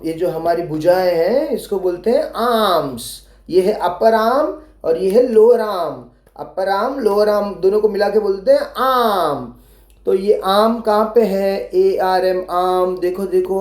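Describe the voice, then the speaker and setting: A woman's voice: medium pitch, warm tone, reverberant. A woman teacher explaining an English lesson for young children in Hindi, spelling words letter by letter and asking them questions.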